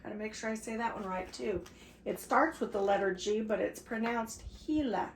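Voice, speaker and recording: An older woman reading a picture book to her grandchildren, stopping for animated asides to young listeners. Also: mid-range voice, normal speed. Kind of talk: read-aloud story time. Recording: roomy echo, faint background hiss.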